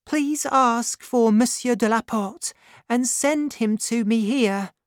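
A woman voicing a frightened young woman who pleads in a high, strained voice. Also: slow, no room sound, studio quality. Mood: earnest.

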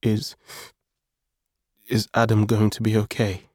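A guilty teenage boy pleads through tears, his phrases breaking apart, as a man reads him in an audiobook. The voice sits low and moves slowly. The sound is dry and close. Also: completely flat delivery, darkish tone, husky, no echo. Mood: tearful. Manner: pleading, broken up.

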